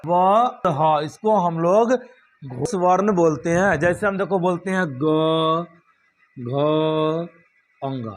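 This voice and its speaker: Teacher, male, high-pitched voice, drills grammar with repeated rhetorical questions. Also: measured pace, slight background noise. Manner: repeats points and asks rhetorical check questions. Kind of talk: classroom grammar lesson.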